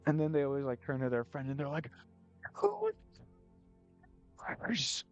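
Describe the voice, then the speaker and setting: An artist paints while chatting casually on a live stream, joking at his own expense and rambling between frequent laughs. His medium-pitched voice is rapid-fire, fairly flat, a little mellow, and clean. The stream audio is slightly muffled, with faint music underneath.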